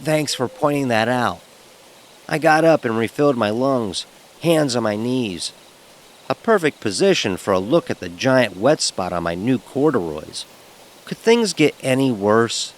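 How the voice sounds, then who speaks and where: Over background music, a man performs first-person dramatic horror narration as a scared, sarcastic young frat pledge. His mid-range voice is expressive, a little slow and close to how he'd normally talk. He recounts events in a wry, uneasy, vivid and emotionally charged way.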